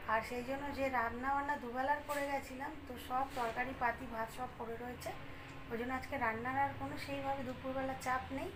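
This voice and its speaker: A woman's voice: high voice, background noise. A woman in her thirties chatting casually to her viewers from home in a rambling way, full of fillers. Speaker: home vlogger. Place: at home indoors.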